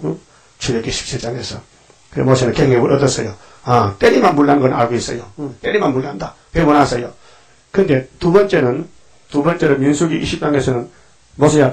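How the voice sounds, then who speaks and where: An older man preaching a sermon, animated, acting out quoted voices as he goes. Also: medium pitch, gravelly, low-quality recording. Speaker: pastor.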